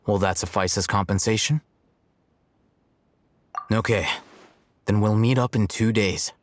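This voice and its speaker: An actor playing a cool, calculating young male scholar in a video game, speaking in a measured, articulate, detached way. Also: on the low side, close to an everyday voice. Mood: cool, assured. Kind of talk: English video game voice acting.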